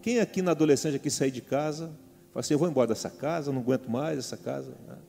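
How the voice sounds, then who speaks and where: A man's voice: mid-range voice, fast talker, gravelly, dark tone. Brazilian man preaching in a reverberant hall. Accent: Brazilian Portuguese. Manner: calls out to the congregation with repeated "amen?" questions. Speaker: pastor. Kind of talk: sermon. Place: church hall. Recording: long hall reverb with faint music.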